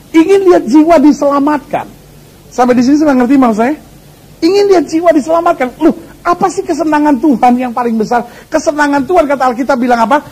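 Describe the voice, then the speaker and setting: A man preaching a sermon as pastor, lively and humorous, acting out voices in his stories and getting the congregation to repeat after him. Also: very high-pitched, low-quality recording. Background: congregation laughing.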